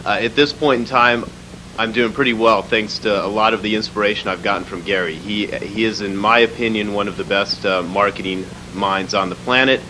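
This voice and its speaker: A man's voice: lowish voice, steady tone, a little fast, bright, forceful tone, poor audio. A businessman giving an earnest, plainspoken testimonial with many fillers. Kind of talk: spoken testimonial. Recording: hissy background noise.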